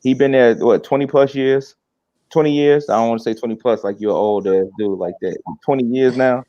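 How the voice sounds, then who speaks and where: A man in his forties hosting a casual podcast chat, joking and animated. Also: mid-range voice, a little fast, dry recording. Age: 40s. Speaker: host. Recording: dull, dry lo-fi sound.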